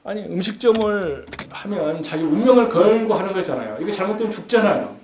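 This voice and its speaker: A high-voiced man delivers a brisk, expressive, chatty lecture at a youth forum, acting out daily scenes with rising emphasis. A crowd can be heard behind him, and the echoey lecture hall carries a faint background hum.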